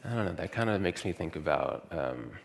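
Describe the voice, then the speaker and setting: A young man from Louisiana giving a university lecture, relaxed and thinking aloud with many fillers. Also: sits low, a little fast, gravelly. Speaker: guest lecturer.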